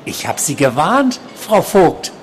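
A man voicing a soft-spoken, obsessive male psychiatric patient, quiet and insistent, while reading from his novel. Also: fairly high pitch, very animated, slow, slight background noise, pitched above the performer's own voice.

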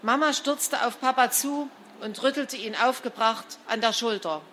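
A woman narrating a children's storybook in an expressive, lively reading style. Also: on the high side, normal speed, slight background noise. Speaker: storybook reader.

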